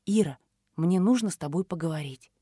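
A woman reading an audiobook voices a gentle, earnest teenage girl who pleads and explains herself. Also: fairly low pitch, brisk, husky, no echo, studio quality. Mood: pleading. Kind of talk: audiobook character voice.

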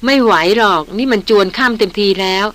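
A woman voicing a gruff veteran male big-game hunter who answers in short, curt lines, in a Thai audiobook novel. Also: fairly high pitch, a little fast, fairly bright tone, natural voice. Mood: blunt. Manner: curt, terse.

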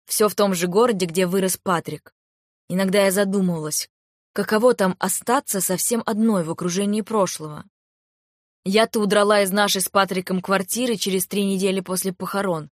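A woman reading a first-person novel aloud in a calm, even storytelling manner, close to a studio microphone. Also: mid-range voice, brisk, no echo. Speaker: audiobook narrator. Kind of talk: first-person audiobook narration.

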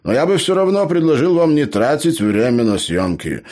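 A man voicing a chatty, scheming male dwarf in an audiobook, with an eager and persuasive manner. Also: moderate pace. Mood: persuading. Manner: eager, persuasive, high excited voice.

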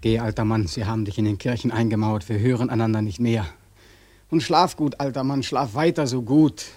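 An actor playing a bitter, disillusioned young war veteran in a radio drama, mocking and accusing, breaking into anguished outbursts. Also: male voice, medium pitch, a little fast, dark tone, dry recording, natural voice.

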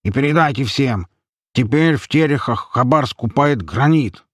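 A man voices a nasal, hulking trader in a boastful mood, pitched above his own voice yet close to an everyday one. His mid-range voice has lively intonation and a moderate pace, recorded in clean studio sound without echo.

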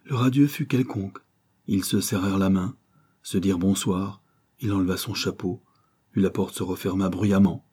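A man narrating a classic novel as an audiobook, measured and expressive. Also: low-pitched, breathy edge. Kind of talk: scripted literary narration.

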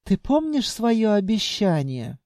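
A man voicing a commanding female spirit of a dark castle, speaking in an imperious, urging manner. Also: high-pitched, sing-song, slow pace, dry recording, clean studio sound, pitched above the performer's own voice, exaggerated voice.

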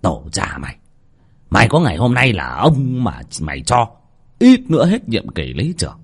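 A man voicing a cruel, scheming old village chief who speaks in a low, menacing, hushed way. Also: huge pitch swings, moderate pace, husky, exaggerated voice. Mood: angry.

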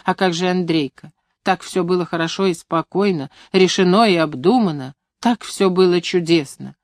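A woman reading the part of a young female agronomist who is anxious and hesitant, and turns sharp when angered. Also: on the low side, moderate pace, no room sound, clean studio sound, close to an everyday voice. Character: young woman agronomist, flustered but fiery.

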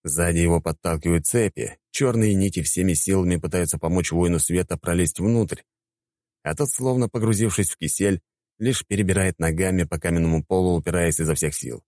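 A man narrates an audiobook in a wry, conversational way, in a low and mellow voice. The recording is close and dry, with no room sound. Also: fairly quick, no room sound.

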